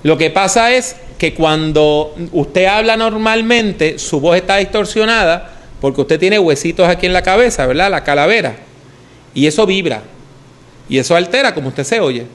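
A man teaches a conversational lesson on how to preach, demonstrating points with his own voice in an instructional talk. His voice is high, animated, and fairly bright, at a moderate pace.

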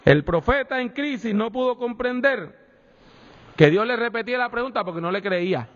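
A man preaching a sermon with slow, emphatic delivery and repeated refrains. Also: very high voice, expressive. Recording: echoey hall, dull lo-fi sound.

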